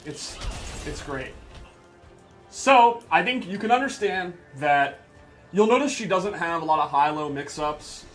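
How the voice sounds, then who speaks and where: On a livestream, a game developer demonstrates a video game while giving informal, emphatic live commentary. His voice is on the high side with a fairly bright tone.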